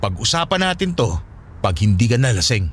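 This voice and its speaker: A man's voice: mid-range voice, big pitch swings, a little fast, very noisy, close to an everyday voice. A man acting in a radio drama as a young man who pleads and keeps asking questions, then apologizes. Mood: apologetic.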